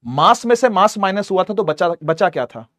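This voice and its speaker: A man teaches physics in a high, bright-pitched voice, cracking jokes and teasing his students as he explains. He has a playful, affectionate tone and addresses the class like favorite kids. The sound is dry and close, with no room echo. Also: expressive, normal speed. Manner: calls students "beta" affectionately. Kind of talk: lively classroom lecture.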